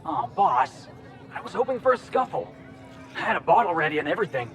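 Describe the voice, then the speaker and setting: Cheeky, rowdy male sidekick, lively and slightly high, game companion. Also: brisk, some chatter behind, a little hiss or hum.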